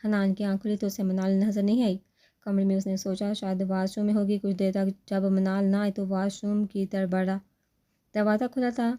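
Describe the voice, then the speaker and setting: A woman narrating a romantic story in a steady, even reading manner. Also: mid-range voice.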